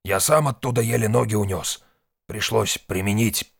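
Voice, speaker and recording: Weary old fixer, grim and curt, low voice, male narrator. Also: moderate pace, gravelly, breathy edge, no room sound, clean studio sound.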